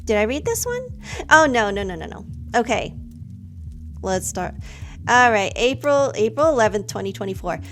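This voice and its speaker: A woman chats casually over a game she is playing, reacting and muttering along. Her voice sits fairly high and moves in lively leaps of pitch. Faint game music runs underneath. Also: normal speed. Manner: chatty, reacts aloud, mutters to herself. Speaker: streamer.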